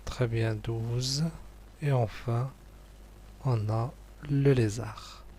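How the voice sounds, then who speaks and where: A man teaching young pupils, going slowly through a worksheet, repeating each word and praising answers. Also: mid-range voice, fairly even intonation, a little mellow, slight background noise. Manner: slow, patient, repeats words and praises answers.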